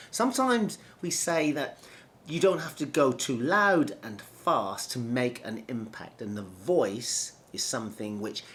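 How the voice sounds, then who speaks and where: Expressive trainer stretching words for emphasis. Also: male voice, medium pitch. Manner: demonstrative, slows down and stretches words for emphasis, repeats key words. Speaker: presentation skills trainer. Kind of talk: instructional talk to camera.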